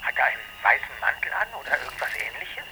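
An actor playing a bossy, focused young detective, hushed and impatient over a walkie-talkie in an audio drama. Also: male voice, medium pitch, very animated, quick pace, slight background noise, poor audio. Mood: tense, impatient.

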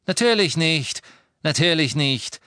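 A man voicing an excited, impatient aristocratic wizard who presses eagerly. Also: on the high side, unhurried, no echo, clean studio sound, pitched above the performer's own voice.

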